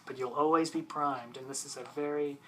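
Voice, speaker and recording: ASMR role-play, patient bookish librarian, androgynous mid-pitched voice, soft hesitant delivery, faint ambient noise. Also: fairly even intonation. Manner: soft-spoken, hesitant, unhurried explaining. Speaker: librarian showing gardening books.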